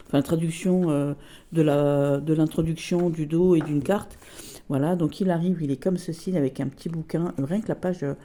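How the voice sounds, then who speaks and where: A woman chatting casually in a show-and-tell vlog about her tarot collection, gushing over each item and filling pauses with repeated fillers. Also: sits low, dark tone. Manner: chatty, fills pauses with repeated "voilà" and "euh". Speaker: tarot collector and video creator.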